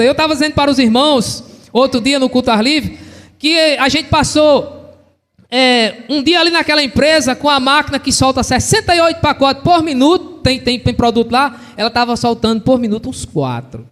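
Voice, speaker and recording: A man with a Brazilian accent preaching a fervent evangelical sermon in a church, telling stories and rising to shouts. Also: extremely high pitch. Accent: Brazilian Portuguese. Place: church hall. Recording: long church-hall reverb.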